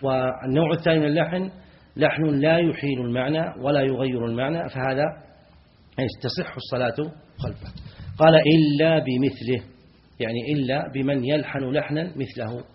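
Man, scholar teaching a classroom lesson, reads the text slowly then explains, quizzes students with short questions, repeats key words, dull lo-fi sound. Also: mid-range voice, a little hiss or hum.

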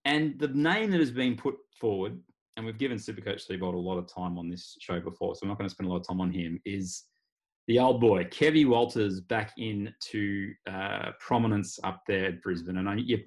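An Australian man hosting a casual sports podcast, talking in a wry, rambling way. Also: fairly low pitch. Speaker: podcast host. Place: remote video call.

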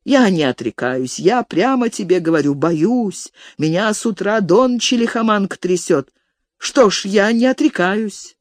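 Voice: medium pitch, animated, a little slow, no echo, studio quality, voice pushed up, close to an everyday voice. A reader voicing a frightened old male farm steward who pleads and wails in folksy rustic speech, in a storybook reading. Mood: whining fearful.

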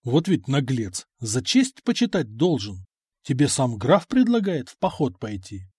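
A man's voice: mid-range voice, big pitch swings, unhurried, a little mellow, husky, dry recording, clean studio sound. Arrogant greedy count, indignant and haughty, done by a male reader. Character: proud greedy middle-aged male count.

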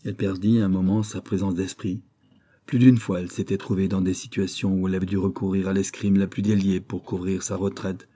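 A man reading a classic novel aloud as an audiobook, with measured, even storytelling. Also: low-pitched, slightly rough. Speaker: audiobook reader. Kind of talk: scripted literary narration.

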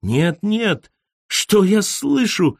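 A man voicing a hysterical, theatrical young woman lover in a shrill, melodramatic, pleading manner. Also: sing-song, extremely slow, vocal fry, no echo, clean studio sound, full character voice.

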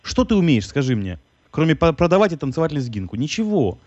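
A man's voice: fairly high pitch, big pitch swings, fast talker, a little mellow, dry recording. A man making a prank phone call, taunting and provoking the person on the line. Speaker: prank caller.

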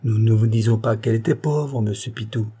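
A man's voice: fairly low pitch, fairly quick, mellow, breathy edge. A man voicing a sententious middle-aged villager, pompous and lecturing.

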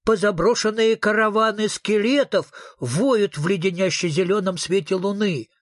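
A man voicing a gloomy, theatrical ghost with a wailing, drawn-out delivery in an audiobook reading. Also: sits high, no room sound, studio quality, voice pushed up, natural voice.

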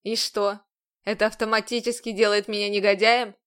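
A stern, domineering commander in an audiobook, scolding and harsh in every word, as a woman narrator voices him. His voice sits lower and rougher than the reader's own, with loud, forceful delivery. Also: level tone, normal speed, close to an everyday voice. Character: stern scornful male commander, adult, domineering.

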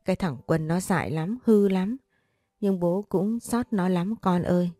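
A woman's voice: on the low side, unhurried, warm tone, dry recording, clean studio sound. A woman voicing the spirit of a dead older father, tender and pleading with his family in an audio story. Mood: grieving.

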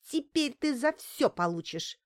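A woman voicing a furious young woman in an audiobook, shouting with hatred. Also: high-pitched, big pitch swings, a little slow, no room sound, clean studio sound, voice pushed up. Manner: shouting, hateful. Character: furious young woman, wronged expectant mother.

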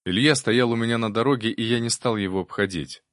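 A man narrating a fantasy novel in the first person, reading in an even, steady way. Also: mid-range voice, quick pace, no room sound, studio quality. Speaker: audiobook narrator.

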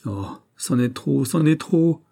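A man's voice: fairly low pitch, moderate pace, dark tone, husky. A man voicing an anguished nobleman in an audiobook of a classic novel, speaking in an imploring way. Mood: overwhelmed. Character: anguished nobleman, a proud minister.

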